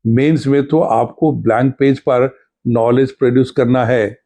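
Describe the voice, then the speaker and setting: Male teacher for a scripted exam-prep lesson. Slow and measured, soft warm tone, lists points one at a time. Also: mid-range voice, steady tone.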